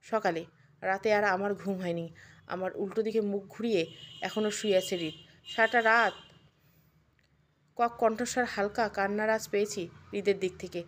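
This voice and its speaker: A woman telling an emotional audio story in the first person, with earnest, steady narration. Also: medium pitch, moderate pace, pauses often, slight background noise.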